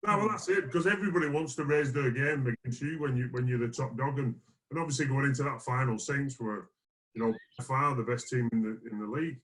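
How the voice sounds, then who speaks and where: Mid-pitched man discussing sport earnestly. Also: fast, fairly bright tone, poor audio. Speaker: rugby league player guest.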